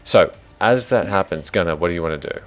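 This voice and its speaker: An Australian man narrating a tabletop game as dungeon master, thinking out loud and muttering to himself while he sets things up. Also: deep voice, lively intonation, fast talker.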